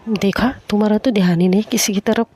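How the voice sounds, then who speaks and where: A woman's voice: medium pitch, steady tone, fast, a little mellow, close to an everyday voice. A woman voicing a bold teenage schoolgirl who teases and scolds her friends, in a casual spoken story. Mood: teasing.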